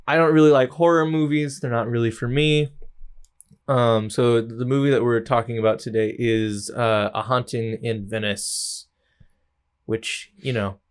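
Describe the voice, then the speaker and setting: A man's voice: mid-range voice, steady tone, a little slow, clean tone. A man co-hosting a casual movie podcast, joking and laughing often between lines. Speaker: podcast co-host. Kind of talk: casual chat.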